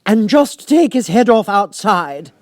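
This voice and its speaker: A man's voice: high voice, sing-song, no echo, voice pushed up. Man putting on a shrieking, imperious Queen. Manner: shrieking, drawn-out, commanding. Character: furious, imperious, bloodthirsty female Queen.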